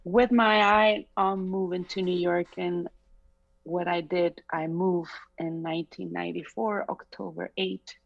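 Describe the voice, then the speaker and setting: This middle-aged Chilean woman's lowish voice is steady, measured and creaky. A singer and native Spanish speaker with a Chilean accent, she talks reflectively and laughs a lot in a casual interview over a video call from a bright home room, with slightly dull audio.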